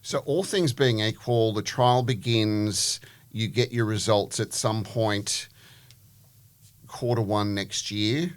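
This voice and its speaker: A man hosts a conversational interview. His voice sits a little low. He puts questions to a guest, and the recording is very dry. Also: slow pace, clear, resonant tone, dry recording.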